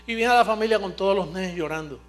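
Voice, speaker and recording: Emphatic high-voiced male preacher. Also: fast, soft background music. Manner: emphatic, asks the audience questions and answers them; swings from low asides to shouting. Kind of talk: televised sermon.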